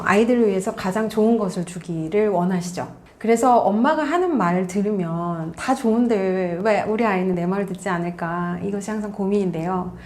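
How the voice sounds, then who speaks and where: A woman's voice: medium pitch, darkish tone. A woman counselor giving parenting advice in an earnest, coaching tone, now and then acting out what a parent or child might say. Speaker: college counselor and parenting author. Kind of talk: parenting advice talk to camera.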